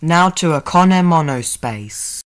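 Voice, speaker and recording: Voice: medium pitch, lively intonation, slow. Echoey, noisy casual vlogger. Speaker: vlogger touring lifts. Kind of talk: casual running commentary. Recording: echoey, noisy lift interiors. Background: lift ambience noise.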